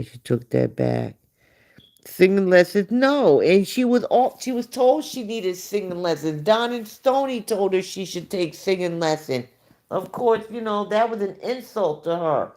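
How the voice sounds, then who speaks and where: A woman's voice: medium pitch, animated, measured pace, darkish tone. A woman hosting a livestream, giving casual gossip commentary in a blunt, profane way and talking back to her viewers. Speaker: livestream host.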